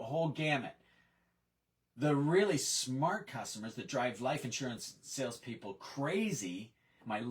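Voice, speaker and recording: A man's voice: mid-range voice, recorded from a distance, low-quality recording. A man giving a sales training talk, telling stories and acting out what customers and trainees said. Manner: animated storyteller, acts out customer and trainee quotes.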